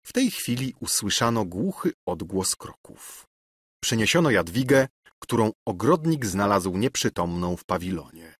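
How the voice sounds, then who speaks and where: A man narrating a classic novel in an expressive, dramatic reading. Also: lowish voice, normal speed, breathy edge, no echo. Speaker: audiobook narrator.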